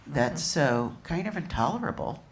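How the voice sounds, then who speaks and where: Woman on a museum panel, gravelly voice, faint hiss behind, leans on her words. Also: low voice, lively intonation, moderate pace. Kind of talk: panel discussion. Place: museum event room.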